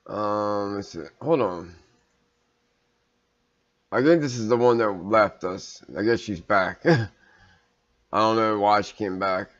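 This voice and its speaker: A low-voiced man chats his way through a strategy game, pausing often with ums and uhs as he thinks aloud. The sound is a little dull and lo-fi, as if from a cheap desk mic. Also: fairly bright tone. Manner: rambling, hesitant, many fillers. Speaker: gaming video host. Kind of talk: casual let's-play commentary.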